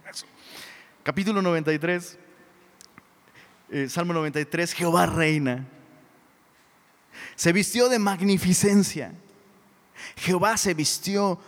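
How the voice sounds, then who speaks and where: A middle-aged Mexican man preaching a sermon in a casual, animated way, often calling listeners "bro.". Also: on the high side. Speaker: pastor. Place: church hall. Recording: long hall reverb.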